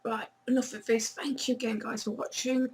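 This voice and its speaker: A woman chatting casually to camera in a vlog, her voice hoarse and failing, blunt and swearing now and then. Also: a little high, flat delivery, a little fast, darkish tone, rough recording. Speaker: vlogger.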